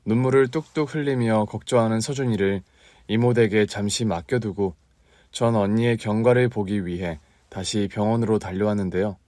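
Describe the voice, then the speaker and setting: A man narrating a heartfelt first-person story in a calm, earnest way. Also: fairly low pitch, normal speed, no room sound.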